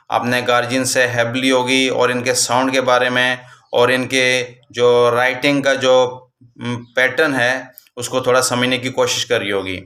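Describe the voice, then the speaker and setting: A man teaching English letters to young children, patient and repetitive, slowing down to spell out each letter at the board. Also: medium pitch, bright, forceful tone, roomy sound. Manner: patient, repeats "ठीक है बच्चों" often, slows to spell out letters. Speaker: primary school English teacher. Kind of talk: classroom lesson for young children. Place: classroom with a board.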